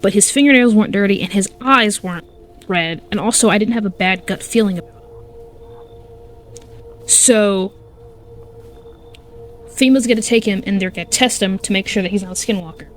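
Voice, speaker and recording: A woman giving casual, animated gameplay commentary, exclaiming and swearing as she reacts. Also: mid-range voice, normal speed, long pauses, soft background music. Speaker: gaming YouTuber.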